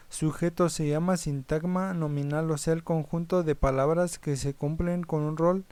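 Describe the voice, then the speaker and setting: A man's voice: on the high side, warm tone, smooth, dry recording. Male presenter, reads lessons aloud, clean resonant tone, dry close sound. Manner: reads point by point, with small slips he corrects mid-word. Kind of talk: read-aloud lesson narration.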